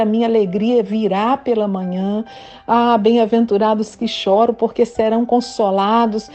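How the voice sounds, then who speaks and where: A woman's voice: a little high, dark tone, muffled recording. A woman preacher, giving a fervent prophetic sermon that breaks into speaking in tongues.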